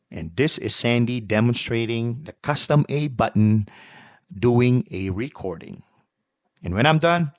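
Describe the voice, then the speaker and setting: Man reviewer, low voice, dry close sound, plain explaining. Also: no echo. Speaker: product reviewer. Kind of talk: product demo.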